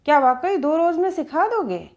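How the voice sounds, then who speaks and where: A woman voicing an impatient, quick-tempered young woman student who scolds her driver. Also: high-pitched, expressive, a little mellow, muffled recording. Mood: scolding. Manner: scolding, irritated.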